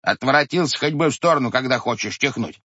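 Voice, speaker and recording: A man's voice: mid-range voice, fast talker, bright, forceful tone, slightly rough, no room sound, highs cut off. A man doing a grumbling old grandfather.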